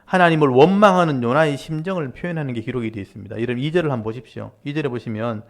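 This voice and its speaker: A man, a pastor, preaching a sermon and explaining scripture to his congregation in a direct, conversational way, with lively rises and falls for emphasis. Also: mid-range voice, rapid-fire. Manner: animated preaching with rising and falling emphasis. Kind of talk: Korean Wednesday-service sermon.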